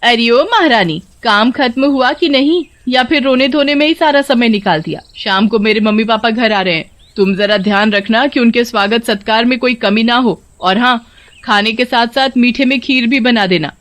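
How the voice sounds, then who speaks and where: A woman voicing a scheming, bossy elder sister-in-law with a taunting, sharp-tongued manner. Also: on the high side, normal speed, voice pushed up, lightly acted. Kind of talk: storybook voice acting.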